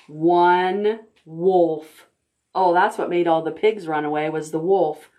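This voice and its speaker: This librarian's voice is on the low side and steady in tone. She reads picture books aloud to preschoolers, pausing for questions to the children, with a gentle, deliberate delivery.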